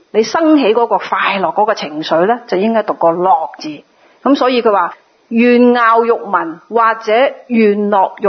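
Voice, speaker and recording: A woman's voice: medium pitch, breathy edge, highs cut off. Woman giving a sermon. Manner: explains patiently, sometimes mimics others in a lively voice. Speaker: Buddhist teacher. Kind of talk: sermon on a Buddhist sutra.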